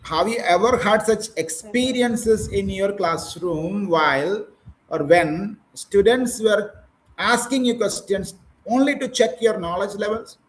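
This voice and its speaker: Indian English male trainer, high voice, encouraging coach on a video call. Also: a little slow, slight background noise, rough recording. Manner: encouraging, coaching, prompts with questions. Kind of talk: online speaking practice session.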